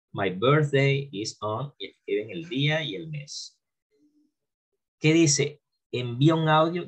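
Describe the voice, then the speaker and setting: A man, teaching an English lesson and slowly drilling phrases for his students. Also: medium pitch, breathy edge. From Colombia. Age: 40s. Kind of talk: classroom video lesson.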